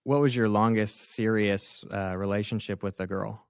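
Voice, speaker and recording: A man co-hosting a conversation, asking his guest calm, inquiring questions and checking facts with him. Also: on the low side, moderate pace. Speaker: podcast co-host.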